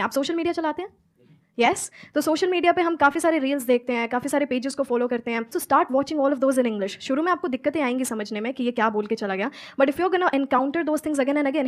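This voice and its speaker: High-voiced young woman coach from Haryana. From Haryana, India. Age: young adult. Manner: earnest, explains in mixed Hindi and English. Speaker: guest speaker, English coach. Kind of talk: stage talk answering audience questions.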